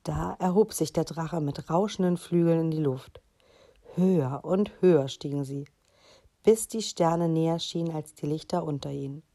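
A woman reading a children's story aloud in a soft, unhurried way. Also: sits low, vocal fry.

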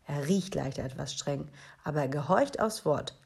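A woman's voice: deep voice, animated, moderate pace, vocal fry, darkish tone, slightly rough, exaggerated voice. A woman reading a children's storybook aloud, voicing an older male dinosaur neighbour who speaks politely and matter-of-factly. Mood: asking.

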